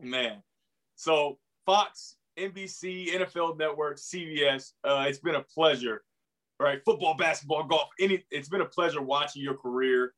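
A man's voice: a little high, normal speed, a bit bright. A man hosting a casual sports interview, informal and affirming, repeating himself for emphasis. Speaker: podcast host.

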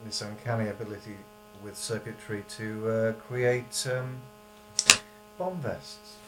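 A man co-hosting a podcast in casual chat, making dark jokes and apologizing to listeners. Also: fairly low pitch, steady tone, measured pace, loud music behind the voice. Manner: joking, apologetic asides to listeners. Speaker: podcast co-host.

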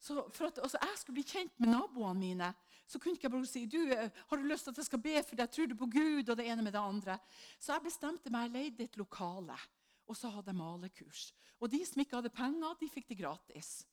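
A middle-aged woman preaching a sermon, telling a personal story with lively swings in pitch and loudness as she acts out the voices in it.

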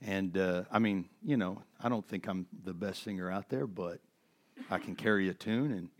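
Speaking low at a moderate pace, a middle-aged man delivers a sermon as a pastor, his voice worn out from heavy use. He talks earnestly and conversationally, frequently using fillers and starting over.

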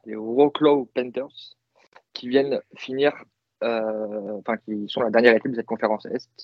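A man's voice: mid-range voice, dry recording, dull audio. A man co-hosting a casual sports podcast, talking with many fillers and restarts. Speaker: podcast co-host.

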